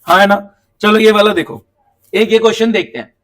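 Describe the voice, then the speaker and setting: A man teaching an accounts class, lively and talking straight to his students, acting out little dialogues. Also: high voice, brisk. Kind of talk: classroom coaching lecture. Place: coaching classroom.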